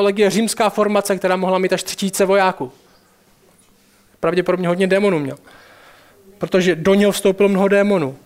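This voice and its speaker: A man with a notably high voice preaches a sermon. He speaks straight to his listeners with urgency, slowing down to drive home key phrases.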